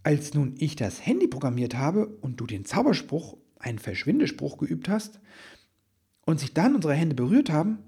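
A man voicing an anxious, earnest male Christmas elf in a storybook reading, husky, hesitant and sometimes rushing. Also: fairly high pitch, very animated, mellow, pitched above the performer's own voice, full character voice. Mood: excited. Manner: hesitant, then tumbling out words.

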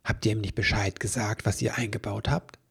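Storybook role: hot-tempered little male elf, a man's put-on voice, shouting, husky edge. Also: on the low side, fairly even intonation, brisk, full character voice. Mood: puzzled. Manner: shouting, indignant.

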